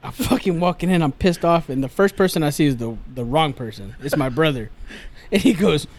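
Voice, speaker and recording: A man's voice: on the high side, a little fast. A man in his forties telling stories in a casual chat, profane and laughing often. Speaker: podcast guest.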